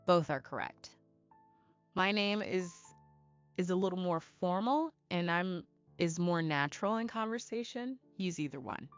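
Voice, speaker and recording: A woman teaching English to beginners in a slow, clear, deliberate scripted style, asking learners to repeat after her. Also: fairly low pitch, lively intonation, lo-fi sound, faint music behind. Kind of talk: slow scripted lesson narration.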